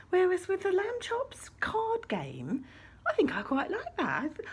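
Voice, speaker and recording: Children's church leader: woman, husky tone, very animated pitch, playful puppet chat with hushed asides.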